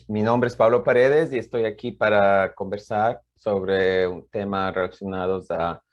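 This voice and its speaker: Deep and darkish, this man's voice comes through lo-fi sound. With an Ecuadorian Spanish accent, he lectures informally as a professor at a conference, tentative and prone to repeating words.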